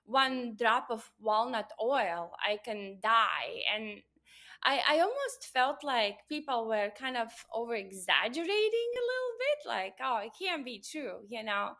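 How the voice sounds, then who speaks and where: A woman's voice: a little high, sing-song, measured pace, bright, forceful tone. A woman in her forties from Latvia with a Latvian accent, a doctor telling her story in an earnest interview. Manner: earnest, storytelling, frequent "uh" and "you know". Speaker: guest, doctor of Oriental medicine. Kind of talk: interview conversation.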